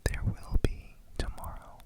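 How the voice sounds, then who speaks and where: A person whispering ASMR affirmations and guided meditation in a reflective, deliberate way. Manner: slow, reflective, deliberate phrasing.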